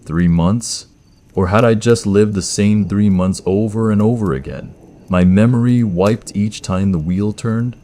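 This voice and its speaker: A man narrating a first-person horror story in a tense, measured scripted style. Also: on the low side, mellow.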